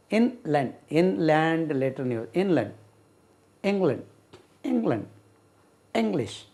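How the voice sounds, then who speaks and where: A man gives an English lesson at a slow, patient pace. His voice sits a little high for a man, and he repeats each word and phrase as he writes it out. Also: darkish tone. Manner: slow, repeats words and spells them out while writing. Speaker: English teacher. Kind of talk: classroom-style lesson explaining grammar.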